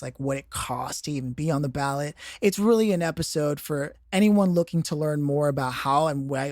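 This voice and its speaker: Male podcast host, earnest, stumbles and restarts, slightly high voice, dry close mic. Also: a little mellow, no room sound. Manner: earnest, repeats and restarts words. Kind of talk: podcast intro and interview.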